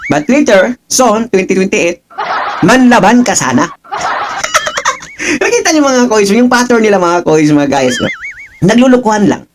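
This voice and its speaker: A man's voice: high voice, very animated, moderate pace, noisy background. A man giving mocking reaction commentary as a political vlogger, laughing often and taunting with rhetorical questions. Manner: taunting, laughing, keeps asking "ha?".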